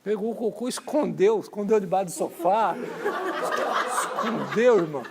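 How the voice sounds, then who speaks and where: A man's voice: high voice, lively intonation, normal speed, very noisy. A man with a Brazilian Portuguese accent preaching at a church conference, chatty and storytelling, repeating phrases and calling the crowd brothers. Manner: conversational, tells family stories with acted-out quotes.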